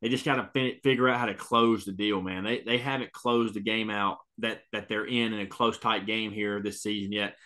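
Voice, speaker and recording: A man's voice: on the low side, fairly even intonation, moderate pace, hardly any pauses, bright, forceful tone. A man co-hosting a college football podcast, talking emphatically and repeating himself. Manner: emphatic, repeats words, says "man" often. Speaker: podcast co-host. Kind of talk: casual sports talk.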